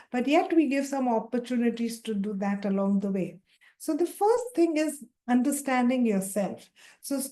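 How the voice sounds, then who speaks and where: Mellow-voiced woman leading an online class. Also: a little high. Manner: friendly, calls out names one by one. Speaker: workshop facilitator. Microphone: video call.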